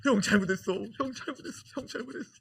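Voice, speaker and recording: A man's voice: extremely high pitch, quick pace, vocal fry, fairly bright tone, slightly rough, voice pushed up, heavily acted. A man voicing a young man desperately begging his older brothers for mercy. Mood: pleading. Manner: pleading, begging, near tears.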